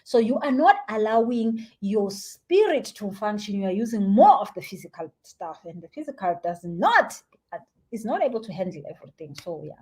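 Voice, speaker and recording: A young South African woman giving spiritual advice in a casual live stream, animated and chatty, sometimes dropping to a soft near-whisper. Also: medium pitch, normal speed, breathy edge. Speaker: spiritual teacher answering viewer comments.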